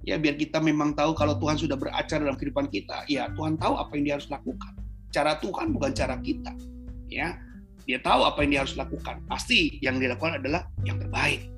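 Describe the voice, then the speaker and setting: A man preaching a sermon, his voice dropping to low murmurs and then jumping up into high, emphatic bursts. Soft guitar music plays faintly behind him. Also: fast talker.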